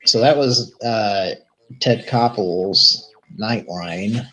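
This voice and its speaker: A man co-hosting a live stream, wry and sarcastic, halting as he talks. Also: on the low side, bright, forceful tone, faint music behind, rough recording. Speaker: co-host. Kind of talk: casual chat on a live stream.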